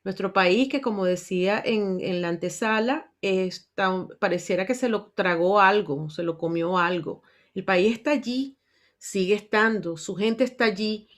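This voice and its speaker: A woman's voice: mid-range voice, measured pace. Chatty woman hosting an astrology panel. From Venezuela. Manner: warm, chatty, frequent "este" fillers. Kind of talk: casual online panel hosting. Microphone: video call.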